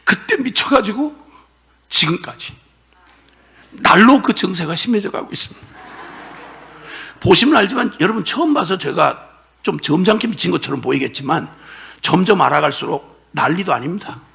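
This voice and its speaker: An older man preaching a sermon as a pastor, telling his testimony emotionally with bursts of shouting and laughter. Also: high-pitched, expressive, normal speed, gravelly, long pauses. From South Korea.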